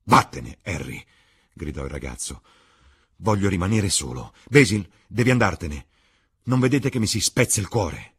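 A man's voice: a bass voice, steady tone, brisk, husky, full character voice. A man doing a proud, scornful young man. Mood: anguished. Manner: sharp, scornful outbursts.

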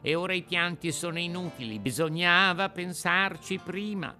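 A man voicing a kindly female marmot who speaks gently and consolingly. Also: sits high, moderate pace, faint music behind, voice pushed up.

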